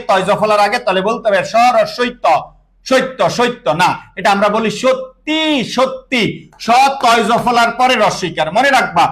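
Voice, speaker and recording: A man's voice: high-pitched, a bit bright. A young Bangladeshi man teaching an online class, drilling pronunciation and asking and answering his own questions, with English words mixed into his speech.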